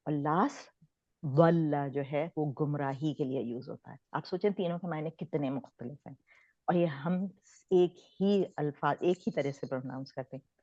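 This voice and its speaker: A woman's voice: deep voice, warm tone, no echo. A woman from Pakistan giving an informal online recitation lesson, explaining conversationally and mixing English words in. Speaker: Quran recitation teacher. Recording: dull lo-fi sound.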